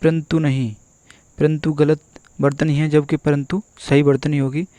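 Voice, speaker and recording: A man teaching an exam-prep spelling lesson, going through word after word and repeating each one slowly and methodically. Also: on the high side, level tone, warm tone, no echo. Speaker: Hindi teacher.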